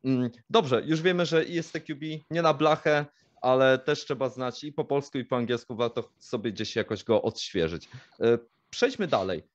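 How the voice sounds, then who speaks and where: A man co-hosting a vlog, asking measured follow-up questions in a casual talk. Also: mid-range voice, no echo, muffled recording. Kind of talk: casual conversational Q&A.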